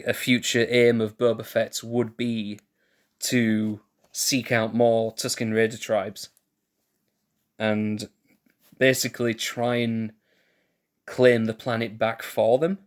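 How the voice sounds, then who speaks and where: A man's voice: medium pitch, little pitch movement, slow pace, long pauses. A man live-streaming in casual chat, thinking aloud in a laid-back way, restarting sentences and chuckling at himself. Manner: musing, thinks aloud with restarts and self-corrections.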